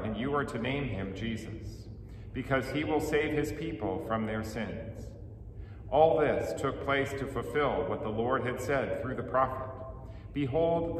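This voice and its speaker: A middle-aged man, a priest, speaking solemnly and in measured phrases at a church service, his voice carrying a cathedral-like echo. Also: mid-range voice, fairly bright tone. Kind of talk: liturgical chant, gospel reading and homily. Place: indoors in a church. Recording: echoey church hall, distant, noisy background.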